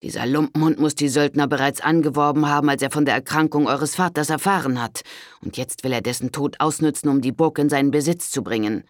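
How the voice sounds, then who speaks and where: A man voicing an angry, loyal castle steward who speaks forcefully and indignantly in an audiobook. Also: medium pitch, fairly quick, gravelly, dry recording, studio quality. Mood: furious.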